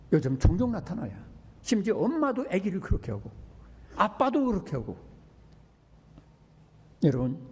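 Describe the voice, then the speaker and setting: Older male pastor, sermon storytelling; fairly high, warm tone, big pitch swings. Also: creaky, in a large hall. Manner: storytelling with swings between hushed and emphatic. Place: church.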